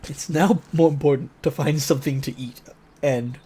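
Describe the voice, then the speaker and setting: A man with a slightly high, warm, husky voice reads a visual novel aloud on stream at a moderate pace. He switches from dramatic narration to casual, joking asides in a playful way.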